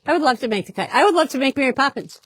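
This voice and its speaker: A woman's voice: sits high, expressive, racing. A woman hosting a casual product demonstration in a fabric shop, chatty and upbeat, often repeating herself.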